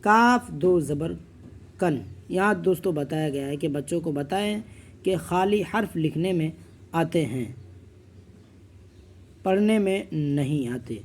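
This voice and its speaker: High-voiced man drilling letter sounds. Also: animated, darkish tone. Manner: drills each letter slowly, then explains rules quickly. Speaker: Quran reading teacher. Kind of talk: slow letter-by-letter recitation lesson.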